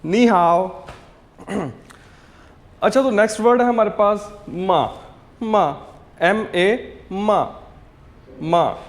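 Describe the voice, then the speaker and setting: High-voiced man drilling words slowly. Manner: patient, drills words over and over. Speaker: language teacher. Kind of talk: slow repetitive language lesson.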